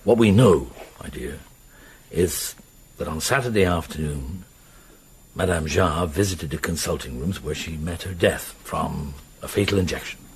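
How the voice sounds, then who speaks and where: Patient police inspector, low voice that moves around a lot, hesitant and probing, radio drama, noisy recording. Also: male voice, expressive, measured pace, heavily acted. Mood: measured, deliberate. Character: patient, perceptive male police inspector, mature and unhurried.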